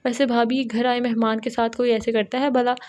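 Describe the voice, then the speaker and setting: A woman's voice: a little high, flat delivery, normal speed, darkish tone, close to an everyday voice. Woman reading a teasing young man. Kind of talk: audio novel character reading.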